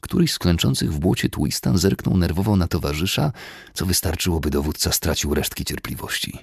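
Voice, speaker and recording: A man narrating a fantasy audiobook in a steady, measured way. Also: low voice, creaky, slightly rough, no room sound, clean studio sound.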